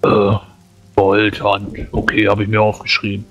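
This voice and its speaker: A man's voice: fairly low pitch, completely flat delivery, moderate pace, fairly bright tone, highs cut off, soft background music. A man playing a tabletop role-playing game, chatting casually as a player.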